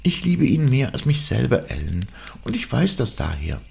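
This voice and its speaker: A man's voice: normal speed, vocal fry, a little hiss or hum, heavily acted. A man reading an audiobook aloud, voicing a spirited young woman who pleads and frightens easily. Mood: pleading. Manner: raised, lively girlish pitch.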